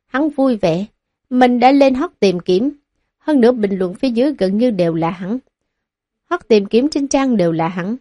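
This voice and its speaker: A woman with a fairly high voice narrates a web novel as an audiobook. She reads the dialogue in the same voice and pushes it louder and brisker for the shouted lines. The recording is close and dry, with no room sound. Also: lively intonation, no echo.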